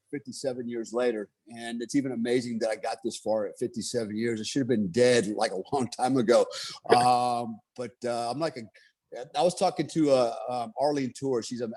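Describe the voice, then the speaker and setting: A man's voice: medium pitch, darkish tone. A man in his fifties who grew up in Germany, telling his life story as a motivational speaker in a rambling way, with many fillers and rhetorical asides. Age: 50s. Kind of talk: personal storytelling monologue.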